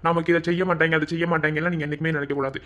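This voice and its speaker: A man's voice: fairly high pitch, flat delivery, very fast, fairly bright tone, lightly acted. A man voicing a brash young village man in a cartoon, with a Madurai Tamil accent and a blunt, teasing way of talking. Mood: advising.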